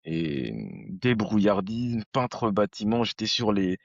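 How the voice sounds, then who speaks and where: A man's voice: lowish voice, sing-song, slow pace, creaky, no echo, dull audio. A man in his thirties hosting a podcast, chatting casually in a slangy, rambling storytelling way. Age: 30s. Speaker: podcast host. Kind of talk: casual conversation.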